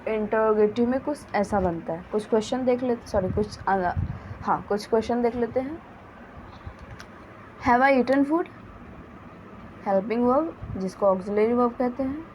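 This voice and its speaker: A woman teaching a grammar lesson, dictating example sentences slowly and carefully. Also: fairly high pitch, a little mellow, slight background noise, low-quality recording. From India. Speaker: English teacher.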